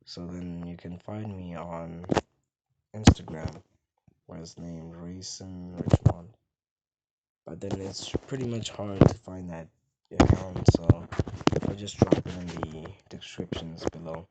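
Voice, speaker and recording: Slow and steady in tone, a young man with a very deep, gravel-edged voice wanders through casual talk to the camera as a gaming vlogger. Parts of his speech turn soft and mumbled, hard to catch. Heavy background noise and clicking from a mouse sit beneath it all.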